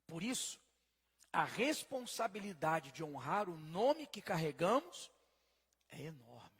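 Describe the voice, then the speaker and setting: A man preaching a sermon emphatically, swinging from soft to loud and putting questions to his congregation. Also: a little high, sing-song, takes it slowly, husky. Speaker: pastor. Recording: long hall reverb.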